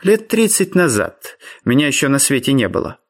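A man's voice: medium pitch, big pitch swings, moderate pace. Brash teenage boy, blunt and matter-of-fact, storybook feud tale, voiced by a male narrator.

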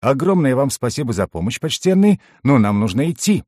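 Cast: a man as a blunt grumpy dwarf, lively pitch, very dry sound. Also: fairly quick, no echo. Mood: impatient. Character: impatient gruff male dwarf.

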